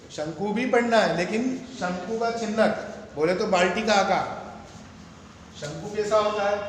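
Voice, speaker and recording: A high-pitched man teaches a math lesson and keeps checking whether the students follow. His voice rings in a very echoey room with a long reverb tail and faint background noise. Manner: asks students rhetorical questions and answers them. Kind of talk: classroom lecture.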